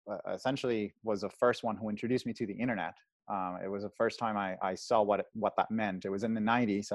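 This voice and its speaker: Man, 30s, from Venezuela; interview guest speaking from home on a video call; halting, filler-heavy delivery, lower voice. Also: dry recording. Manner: hesitant, many fillers and restarts. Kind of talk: casual interview storytelling. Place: home, indoors.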